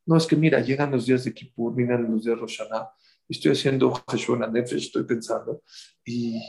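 A man's voice: mid-range voice, fairly even intonation, brisk, vocal fry, darkish tone, natural voice. A man voicing a wealthy, honorable man who earnestly asks for forgiveness. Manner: earnest, pleading. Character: wealthy honorable man making a humble apology.

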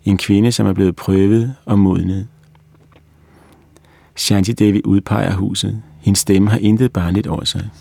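A man reading a story aloud as narrator, in a steady and measured manner. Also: fairly low pitch, gravelly, no echo. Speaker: reader.

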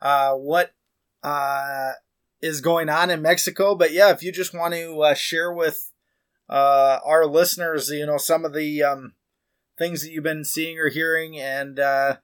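Hesitant male interviewer with a higher voice. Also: fairly even intonation, measured pace, a bit bright, clean tone. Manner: loose, hesitant prompting. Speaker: interviewer, show host. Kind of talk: casual interview.

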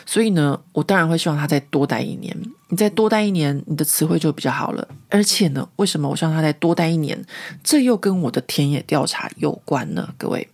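Taiwanese Mandarin woman host, gravelly voice, chatty and lively storytelling. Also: sits low, fast. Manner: chatty and lively, laughs often. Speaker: podcast host. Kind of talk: casual storytelling monologue.

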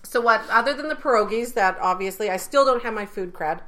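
A woman chatting about food with a bright, forward tone. She talks in an excitable, chatty way and laughs easily. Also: on the high side, a little fast. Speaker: podcast co-host. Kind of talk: casual chat about food and drinks.

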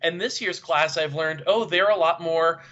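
A man's voice: fairly high pitch, moderate pace, bright, forceful tone, dull audio. A man who is a young teacher, telling a classroom story in casual conversation and acting out the voices of people he quotes. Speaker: second-year teacher, guest.

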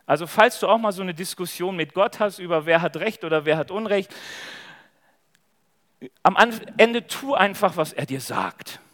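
A man's voice: high-pitched, expressive, normal speed, fairly bright tone. A man preaching a sermon to an audience in a large hall, telling the story casually and speaking to the listeners directly. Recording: echoey hall.

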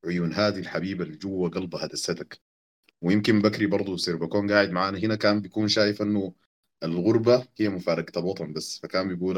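A man speaking reflectively before reading poetry, measured with some hesitations. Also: low voice. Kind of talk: reflective spoken introduction to poetry.

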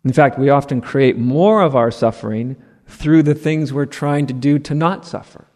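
A man's voice: medium pitch, normal speed, a little mellow. A man giving a spiritual talk. He is conversational, with frequent "right?" asides and light laughter. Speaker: spiritual teacher. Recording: long hall reverb.

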